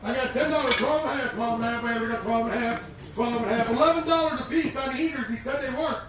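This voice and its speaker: Echoing heavily from some distance, a man calls an auction in a very high voice. He rattles off bids in a repetitive auctioneer's chant, folksy and urging. Noise sits clearly in the recording. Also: rapid-fire. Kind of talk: rapid repetitive auctioneer bid-calling chant. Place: live auction sale, off the mic. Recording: distant, echoey, clearly noisy live auction.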